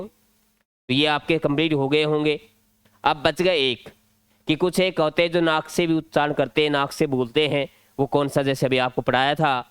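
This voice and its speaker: A man's voice: medium pitch, a bit bright, clear, resonant tone, dry recording. A male teacher with a Rajasthani Hindi accent, explaining an exam-prep grammar lesson step by step at a board. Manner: step-by-step explaining, drilling points.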